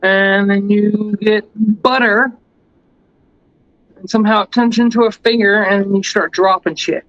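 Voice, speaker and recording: A man with a high voice drawls slowly through a loose, profane livestream ramble, laughing often and turning loud and rowdy when he calls out to viewers. The sound is dull and lo-fi, and the voice sits dry and close with no room around it. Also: fairly even intonation, dry recording. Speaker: livestream host. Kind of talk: casual livestream chat.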